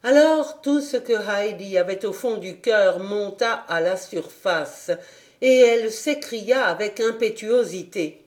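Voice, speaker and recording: A woman's voice: mid-range voice, expressive, takes it slowly, a little mellow. Woman narrating a classic audiobook. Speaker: audiobook reader. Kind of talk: scripted narration.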